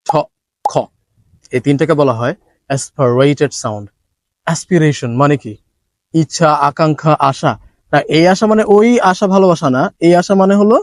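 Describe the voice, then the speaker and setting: A Bengali-speaking man teaching English pronunciation, his voice pitched a little higher than most men's. He drills consonants, repeating each sound with a hard puff of air to contrast it with its plain version. The recording is dry and close to the mic. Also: no echo. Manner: demonstrating sounds with strong puffs of air. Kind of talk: short lesson video.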